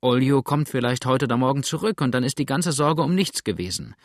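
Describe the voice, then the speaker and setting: A man's voice: mid-range voice, expressive, a little fast, no room sound, clean studio sound, pitched above the performer's own voice, lightly acted. A man reading aloud as a grumbling, blunt old male boatswain in a storybook. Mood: gruff.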